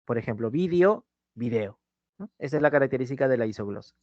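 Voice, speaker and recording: A man's voice: mid-range voice, very fast, darkish tone, dry recording. A man giving an online pre-university language class, often repeating his key phrases and checking in with "¿sí?". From Peru. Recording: dull, dry lo-fi mic sound.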